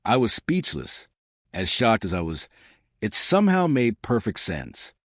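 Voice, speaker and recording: A man narrates a first-person story in a brisk, wry manner. His voice sits low but moves widely in pitch. The sound is dry and close. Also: huge pitch swings, no room sound.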